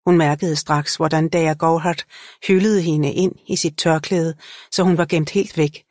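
Woman narrator, low voice, dry close sound, measured audiobook reading. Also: fairly even intonation, darkish tone, dry recording. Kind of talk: scripted narration.

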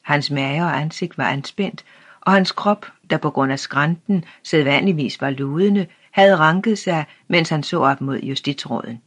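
Even-toned audiobook narrator. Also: mid-range voice.

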